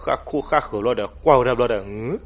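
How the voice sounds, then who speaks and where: A man narrating a folk legend, animated and switching voices for the characters. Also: mid-range voice, fast talker, gravelly, over music. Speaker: storyteller. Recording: noisy recording with crickets behind.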